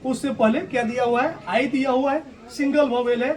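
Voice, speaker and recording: A male schoolteacher with a very high, fairly even voice moves fairly quickly through a grammar lesson. He explains step by step, handles his own questions, and spells out words letter by letter. Recorded from a distance in a classroom, the clip has clear background noise.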